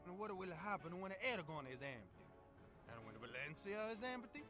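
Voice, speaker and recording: A man's voice: high-pitched, sing-song, brisk, over music. An actor with an Italian accent playing a fussy, urgent male art collector in a video game. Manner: theatrical, urgent pleading.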